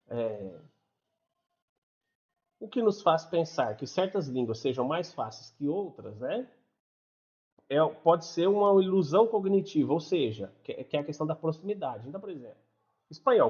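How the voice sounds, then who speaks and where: A man's voice: a little high, a little mellow, lo-fi sound. A young adult man with a Brazilian Portuguese accent, teaching a casual online lesson in a conversational, explanatory way with frequent tag questions. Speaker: English teacher.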